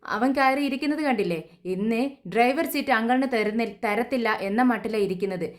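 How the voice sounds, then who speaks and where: A woman reading the lines of a teasing, sharp-tongued young college student in a retold serial. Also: on the high side, close to an everyday voice. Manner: teasing, quick-witted.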